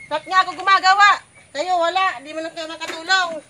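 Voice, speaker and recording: A woman's voice: extremely high pitch, fairly even intonation, brisk, background noise. A woman playing an overworked, exasperated village mother in a drama, kvetching and nagging in long repetitive complaints. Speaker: actor in an amateur short film. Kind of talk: naturalistic family drama acting.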